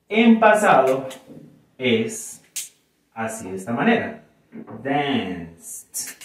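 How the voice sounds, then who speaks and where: A male English teacher with a Colombian Spanish accent, explaining a lesson slowly and checking that his students follow. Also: medium pitch. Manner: slow, explanatory, switches between two languages, often checks understanding. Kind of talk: classroom video lesson. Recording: very echoey room, mic far off.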